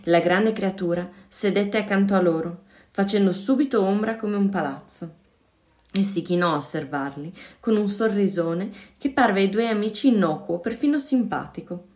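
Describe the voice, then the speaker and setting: A woman reads a children's story aloud in a warmly paced, expressive voice. Her delivery is playful, leaning into the rhythm of the words. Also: medium pitch, normal speed.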